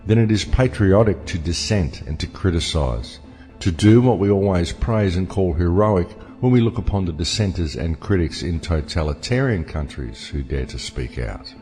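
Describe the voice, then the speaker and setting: A man speaking with his voice pitched down to disguise it, delivering an emphatic monologue and addressing the listeners as folks. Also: animated, moderate pace, dark tone. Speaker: anonymous messenger. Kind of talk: spoken monologue to viewers. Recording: long reverb with faint music behind.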